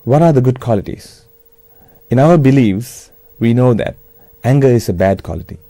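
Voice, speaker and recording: A man with a Sri Lankan accent gives a Buddhist New Year talk in a measured, instructive manner with simple phrasing. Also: medium pitch, expressive, mellow, no echo.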